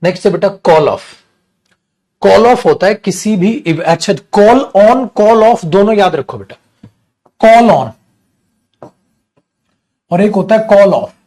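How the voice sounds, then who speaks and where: A man lectures in a classroom style, with a voice pitched a little high for a man. He takes his time, repeating each phrase slowly and calling his students "beta" before he explains it. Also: expressive, a little mellow. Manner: mixes Hindi and English, addresses students as "beta". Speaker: English teacher.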